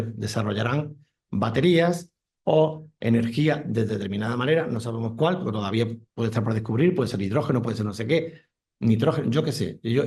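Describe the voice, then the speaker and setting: A man speaks at a conference in a mid-pitched voice. He is a commercial airline pilot, and he explains things eagerly with examples. The sound is of a talk in a lecture room. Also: a little mellow.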